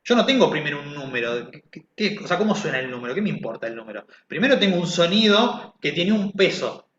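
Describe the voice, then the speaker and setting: A man's voice: on the high side, big pitch swings, fast, a bit bright, a little hiss or hum. A man teaching a music class, explaining conversationally and often checking understanding. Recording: echoey, dull lo-fi sound.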